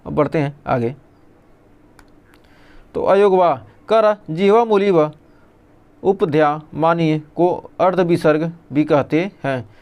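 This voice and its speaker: A man's voice: on the high side, slow, pauses often, lo-fi sound. A male teacher giving an exam revision lesson, reading out lists and asking and answering his own questions.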